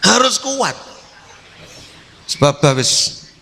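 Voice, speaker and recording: Male preacher, emphatic and repetitive, bright, somewhat high voice, long hall reverb. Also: sing-song, drawn-out words, creaky, breathy edge. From East Java. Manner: emphatic, repetitive, switching into Javanese asides. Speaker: kyai preaching to a congregation. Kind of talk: sermon.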